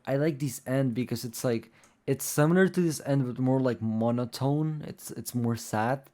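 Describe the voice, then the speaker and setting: A young man with Spanish as his first language talks through a music production tutorial at normal speed, his medium-pitched voice mellow. He's casual and rambling, with many fillers like "um" and "like."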